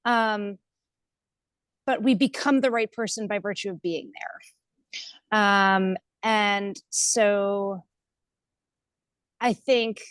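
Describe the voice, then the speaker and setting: An American nonprofit leader appears as a guest on an online video call webinar, speaking informally in a mid-range voice. She reflects thoughtfully, sounding hesitant and self-effacing. The audio is studio quality with no room sound.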